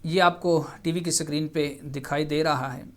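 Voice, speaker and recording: A man with a fairly high voice teaches Quran reading on a TV program. He explains patiently and repeats each rule several times. He slows right down to sound out syllables. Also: steady tone, fairly bright tone. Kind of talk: televised Quran reading lesson.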